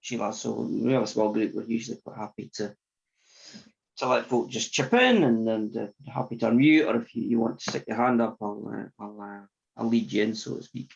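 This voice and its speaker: A man hosting a meetup, moderating the Q&A in a relaxed, laid-back way with halting fillers. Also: on the low side, gravelly, breathy edge. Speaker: meetup host. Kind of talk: moderating a video-call Q&A. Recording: dull, lo-fi video-call audio.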